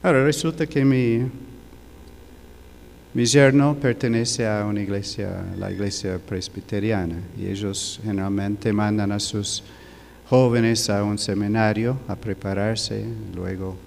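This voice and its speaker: An older man giving a sermon, telling a personal story in a slow, halting way with many fillers. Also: on the low side, a little mellow, long reverb tail, slight background noise. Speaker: preacher. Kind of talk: sermon testimony.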